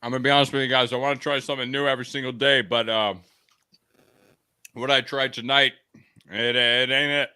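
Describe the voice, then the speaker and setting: A man's voice: medium pitch, level tone, a little fast, pauses often, pushed and bright, clear, resonant tone. A drunk man on a casual podcast, rambling loosely and apologizing for his bit. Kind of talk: casual banter among friends.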